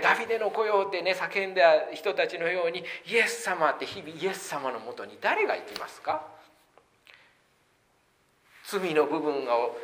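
A man's voice: fairly high pitch, bright, forceful tone, a little hiss or hum. A man preaching a sermon as a pastor, emphatic and full of rhetorical questions.

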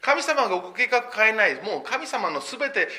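Male pastor, sermon delivery, fairly high and bright, lively rise and fall, explanatory preaching manner. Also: fairly quick. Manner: expressive preaching with sweeping pitch and emphatic phrases; explanatory, asks and answers his own questions.

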